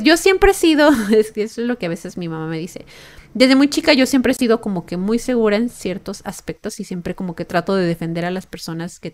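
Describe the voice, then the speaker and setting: A young woman with a Mexican accent hosting a podcast, telling a personal story in a chatty way with lots of fillers and tag questions. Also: mid-range voice. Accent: Mexican Spanish. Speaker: podcast host.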